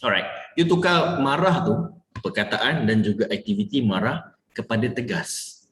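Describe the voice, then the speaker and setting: A man coaching a live question-and-answer session. He talks in an animated, demonstrative way and switches between Malay and English. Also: on the low side, normal speed, roomy sound. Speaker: business sales coach.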